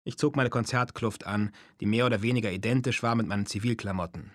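A man's voice: on the low side, quick pace, no echo. A man reading a first-person story as an audiobook, with a dry, self-mocking manner. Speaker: narrator. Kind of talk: audiobook narration.

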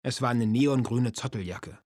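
A man reads a first-person memoir aloud in a calm, measured voice of middling pitch. The recording is completely dry and close, with no echo at all. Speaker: audiobook narrator. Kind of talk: scripted audiobook narration.

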